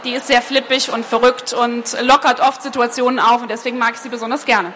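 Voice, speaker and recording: A woman author reads her fiction aloud in a clear, even voice, then answers questions about it. Her voice sits a little high and sounds bright and crisp. Faint noise lies beneath it. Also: fast. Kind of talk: reading from her novel, then interview answers.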